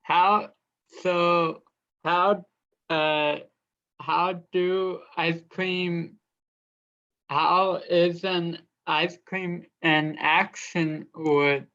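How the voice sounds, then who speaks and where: A student asking questions in an online class, hesitant and halting. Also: medium pitch, flat delivery, bright, forceful tone, highs cut off.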